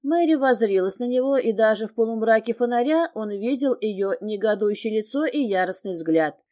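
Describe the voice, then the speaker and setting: Mellow-voiced woman narrating an audiobook. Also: on the high side, animated, moderate pace.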